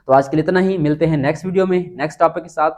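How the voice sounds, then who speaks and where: A man's voice: a little high, very fast. A man giving a casual spoken lesson, explaining step by step and spelling words out letter by letter. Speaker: teacher.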